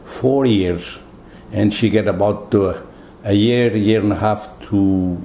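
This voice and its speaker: An older man from Portugal with a Portuguese accent, telling his story in an interview in halting, broken English with many repeated words. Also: lowish voice, mellow, roomy sound, slight background noise, poor audio. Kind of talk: oral history interview.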